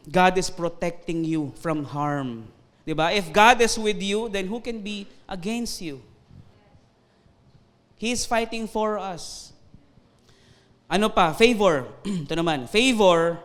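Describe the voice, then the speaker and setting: Playful high-voiced Filipino pastor. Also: male voice, a bit bright, smooth. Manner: playful, joking with congregation, laughing often; mixes Tagalog and English. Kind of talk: sermon. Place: church.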